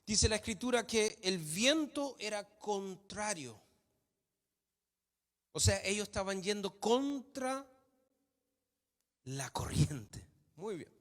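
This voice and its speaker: A man's voice: sits high, sharp tone. A man preaching a sermon in a church hall, emphatic, repeating phrases for stress. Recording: long hall reverb.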